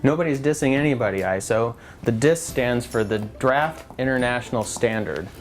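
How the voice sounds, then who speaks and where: A man's voice: medium pitch, moderate pace, soft background music. A man presenting an explainer in a patient, conversational teaching manner. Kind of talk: semi-scripted explanatory dialogue.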